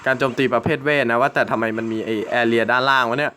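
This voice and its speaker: A man's voice: medium pitch, steady tone, quick pace, sharp tone, a little hiss or hum. A young man hosting his gaming channel, chatting casually through gameplay and swearing and exclaiming at the game.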